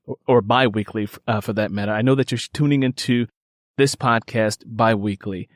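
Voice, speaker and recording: Speaking straight to his audience with earnest sincerity, this author and podcast host is the creator and narrator of an audio drama podcast. His medium-pitched voice comes through in studio quality, free of echo.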